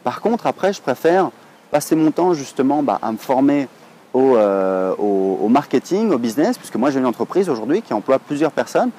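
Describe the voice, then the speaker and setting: Chatty French vlogger man, mellow voice. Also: medium pitch, very animated, moderate pace, a little hiss or hum. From France. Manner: chatty, rambling, many hesitations. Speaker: online English teacher, blogger. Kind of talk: casual to-camera vlog.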